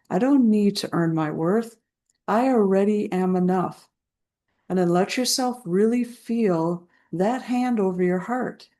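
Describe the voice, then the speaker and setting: A woman coaching listeners through trauma recovery in an unhurried, soothing voice. She lets her words land slowly with deliberate pauses between phrases. Her pitch sits in an ordinary middle range. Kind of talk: slow guided self-help talk.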